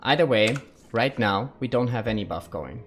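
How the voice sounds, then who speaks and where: A man's voice: mid-range voice, expressive, normal speed, a bit bright, faint music behind. A man live-streaming a survival game, thinking aloud and chatting casually with his viewers.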